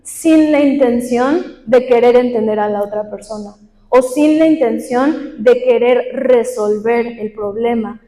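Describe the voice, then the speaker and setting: Young female workshop speaker, chatty teaching style with questions to the room, high mellow voice. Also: measured pace. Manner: conversational teaching with questions to the audience. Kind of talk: talk to a live group. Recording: echoey hall with long reverb.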